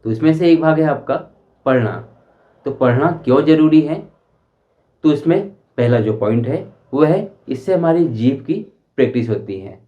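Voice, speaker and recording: A man teaches a spoken English lesson at a medium pitch. He explains slowly and deliberately and repeats his examples. The recording sounds dull and lo-fi. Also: lively intonation. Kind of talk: Hindi-language English lesson.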